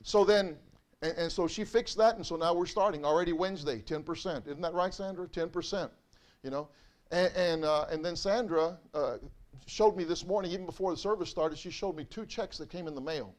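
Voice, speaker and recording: A man's voice: on the high side, brisk. A man, a pastor, preaching to his church in a loose, conversational and emotional way, repeating himself often. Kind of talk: sermon. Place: church sanctuary.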